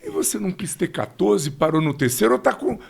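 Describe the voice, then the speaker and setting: A middle-aged man hosting a podcast in a studio, with a Brasília Portuguese accent, upbeat and joking, pushing his pitch up and down for emphasis. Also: huge pitch swings, fairly quick, gravelly, husky. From Brazil. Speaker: podcast host. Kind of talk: casual interview chat.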